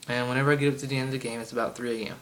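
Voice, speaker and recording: Racing along in a medium-pitched, slightly bright voice with little pitch movement, a heavily Southern-accented man delivers a casual game rant. The gaming vlogger is chatty, full of ums and side tangents, and he's captured on an iPod camera.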